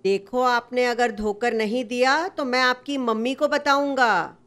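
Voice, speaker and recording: A woman's voice: fairly high pitch, measured pace, fairly bright tone. A woman voicing a small, cheerful male mouse who pleads and boasts in a sing-song way. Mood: eager.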